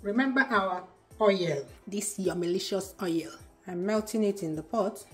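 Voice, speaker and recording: A Nigerian woman in her forties hosts a cook-along video from her home kitchen, chatty and playful as she thinks aloud while cooking. She has a mid-range voice and a measured pace. The camera sits at a distance, and faint music plays behind her.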